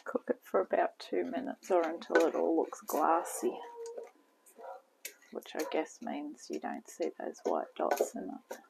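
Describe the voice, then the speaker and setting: A woman giving a relaxed, step-by-step cooking demonstration in her home kitchen, talking toward a camera on the counter. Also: low-pitched, gravelly. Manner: slow, relaxed step-by-step instructions with frequent "okay". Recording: noisy home video with kitchen clatter.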